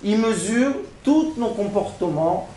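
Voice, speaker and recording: A man teaching a religious lesson to an audience, acting out little everyday scenes with animated, laughing delivery. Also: high voice, a little slow, echoey room. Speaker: rabbi teaching a class. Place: classroom.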